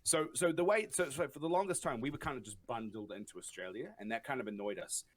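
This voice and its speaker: On a casual podcast, a New Zealand guest with a Kiwi accent talks quickly in a medium-pitched voice. He rambles, restarts his sentences, and laughs a lot.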